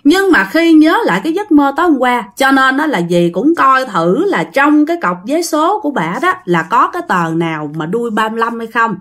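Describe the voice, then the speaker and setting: A woman's voice: sits high, sing-song, fairly quick, few pauses, a bit bright. Chatty Southern Vietnamese woman storyteller. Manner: chatty, addresses listeners directly. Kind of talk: ghost-story narration.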